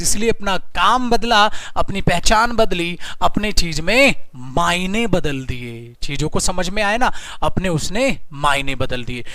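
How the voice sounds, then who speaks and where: A man with an Indian accent teaching English grammar online, speaking mostly Hindi, repeating his points and stretching out the example sentences slowly. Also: sits high, fairly bright tone, dry recording. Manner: repeats phrases, addresses students as children.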